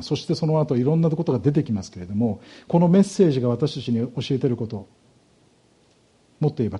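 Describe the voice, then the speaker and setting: A man preaching a sermon, explaining a Bible passage in a measured, explanatory way with rhetorical questions to his listeners. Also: mid-range voice, warm tone, breathy edge. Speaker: pastor.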